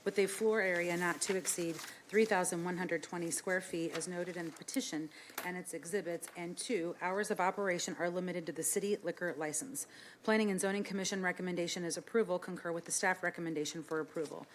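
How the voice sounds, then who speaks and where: A woman chairing a council meeting, formally reading out agenda items and procedure in a brisk, businesslike manner. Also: lowish voice, steady tone, a little hiss or hum, low-quality recording. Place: indoor council meeting room.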